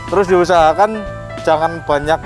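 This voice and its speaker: A man's voice: fairly high pitch, moderate pace. A man talking casually and informally as he explains car audio like an experienced hand. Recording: loud music under the talk.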